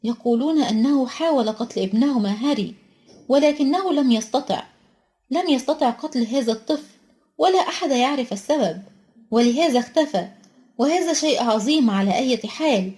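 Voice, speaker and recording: A woman's voice: sits high, expressive, fairly quick, a little mellow. A woman voicing an older female witch professor, stern but distressed, reading a storybook aloud. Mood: upset.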